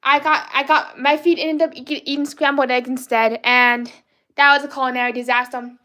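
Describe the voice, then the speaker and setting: High, childlike woman chatting on a livestream. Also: fairly even intonation, normal speed, pushed and bright. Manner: childlike, playful, chatty with frequent restarts. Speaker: livestream artist host. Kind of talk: casual livestream chat while drawing.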